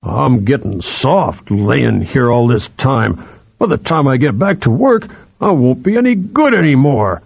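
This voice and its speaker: A man voicing a troubled dock worker who speaks slowly and haltingly with a husky tone, in a dull lo-fi recording. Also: medium pitch, big pitch swings, no room sound, voice pushed up, full character voice. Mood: hesitant. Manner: slow, hesitant, halting speech. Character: troubled middle-aged male dock worker.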